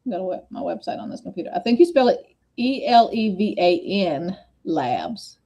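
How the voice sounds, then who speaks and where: A woman hosting a casual livestream chat on a video call, talking fast and jumping between points with many asides. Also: on the low side, very animated, warm tone. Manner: fast, scattered, chatty with repeated asides.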